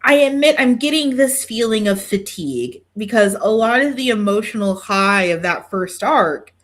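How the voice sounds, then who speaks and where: A woman's voice: a little high, lively intonation, moderate pace. A woman hosting a podcast in casual chat, swearing freely and poking fun at herself with dramatic exaggeration. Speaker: podcast host.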